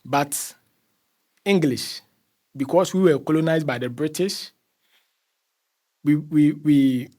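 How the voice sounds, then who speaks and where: A Ghanaian man with a fairly high, slightly dark voice speaks slowly, leaving long pauses. He's an interview guest explaining things conversationally, often repeating phrases while hunting for words.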